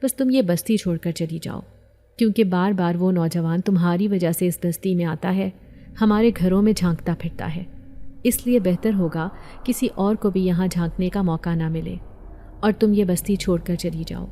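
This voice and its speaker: A woman's voice: on the low side, warm tone, a little hiss or hum, natural voice. A woman voicing a secretive, threatening old woman in an audio story, speaking coldly and insistently.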